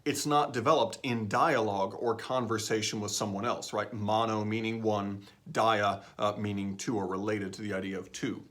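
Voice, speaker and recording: A man's voice: lowish voice, steady tone, moderate pace, few pauses, a bit bright. A male teacher giving a recorded lesson, explaining in a conversational way and often checking in with "right?".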